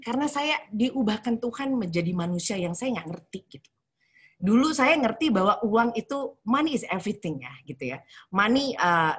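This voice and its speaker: Woman, middle-aged, from Indonesia, emotional testimony, husky breathy voice, video call, mixes slang and English. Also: mid-range voice. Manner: switches between formal and slangy talk with English phrases. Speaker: guest speaker sharing testimony.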